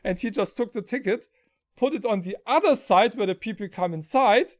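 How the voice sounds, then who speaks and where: A man's voice: sits high, animated, normal speed. A German man from southern Germany hosting a casual stream, telling rambling anecdotes and laughing often. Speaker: stream host.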